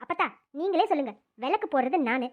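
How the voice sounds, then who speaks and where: A woman's voice: high-pitched, lively intonation, fast, phone-quality sound. A woman voicing a stubborn young woman in a cartoon, firm and pleading by turns. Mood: flustered. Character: defiant young woman, stubborn about marriage. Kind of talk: cartoon voice acting.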